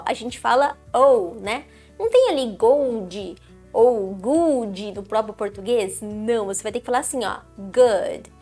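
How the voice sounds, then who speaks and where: A woman's voice: high voice, a little mellow. A woman teaching English pronunciation to viewers in an upbeat online lesson, often checking in with "ok?". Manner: upbeat, talks straight to viewer, repeats ok?.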